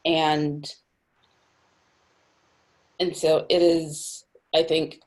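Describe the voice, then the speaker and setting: A woman's voice: low voice, level tone, very slow, darkish tone. A young adult woman from Cameroon, a nonprofit executive director, speaking thoughtfully in a video-call interview with frequent fillers and restarts.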